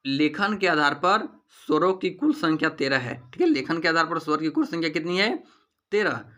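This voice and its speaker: A man's voice: a little high, pushed and bright. A man teaching an exam-prep grammar lesson, repeating each point back to students as a question.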